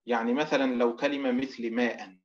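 A middle-aged male recitation teacher leads an online lesson and explains each point step by step. He drags example words out slowly to demonstrate them. The audio is dull and muffled, like a lo-fi call. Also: medium pitch, flat delivery.

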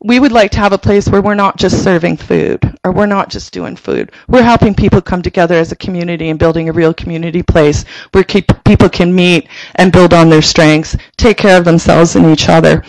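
A man's voice: high-pitched, fairly even intonation, vocal fry, no room sound, rough recording. A man, a social worker, presenting to a city council passionately, often restarting his sentences, speaking into a table microphone in a council chamber. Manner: passionate, halting with frequent restarts.

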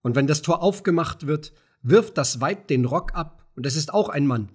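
A man's voice: fairly high pitch, animated, moderate pace, breathy edge. A man voicing a timid, anxious gatekeeper who pleads in hasty, sighing bursts, in an audiobook reading. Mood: bitter, fearful.

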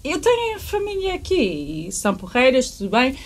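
Woman, halting soft chat. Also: high voice, wildly swooping pitch. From Canada. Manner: halting, searching for words, soft trailing phrases. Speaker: guest musician. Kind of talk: casual interview chat. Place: small podcast studio, indoors.

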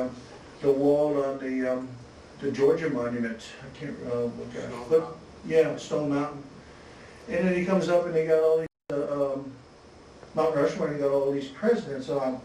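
A man presenting his photographs at a symposium, talking in a relaxed, halting way with many restarts and chuckles. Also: a little high. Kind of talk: slide talk at a symposium. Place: museum lecture hall. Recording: echoey hall, distant mic, faint hiss.

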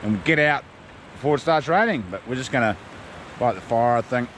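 A man's voice: medium pitch, expressive, a little fast, a bit bright. Easygoing New Zealand man outdoors. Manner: easygoing, matey, chatty with his son. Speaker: vlog host and father. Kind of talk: casual outdoor vlog chat. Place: outdoor bush campsite at night. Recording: outdoor recording with clear background noise.

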